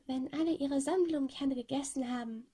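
A woman voicing an overexcited Polish teenage boy who rambles on and on, with a slightly husky voice. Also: sits high, brisk, mellow, voice pushed up, lightly acted. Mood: rambling.

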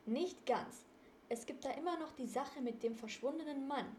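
Brief: cool-headed teen boy sleuth, lecturing tone, slightly high, read by a woman, roomy echo. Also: normal speed, a little mellow, a little hiss or hum, natural voice. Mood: explaining. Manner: lecturing, composed. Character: clever calm teen boy detective leader.

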